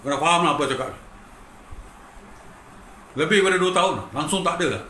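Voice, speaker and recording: A middle-aged Malaysian guitarist with a Malaysian accent tells his own story emotionally, speaking quickly in a fairly high, bright, tense voice. He's emphatic, repeats himself for weight, and keeps calling the listener "bang." The recording has a roomy echo, faint ambience, and slight background noise.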